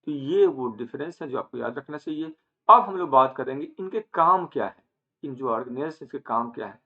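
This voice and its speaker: A man teaching an online lecture, asking questions and answering them himself, with English terms mixed in and some phrases drawn out slowly. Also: mid-range voice, expressive. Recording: phone-like narrow band.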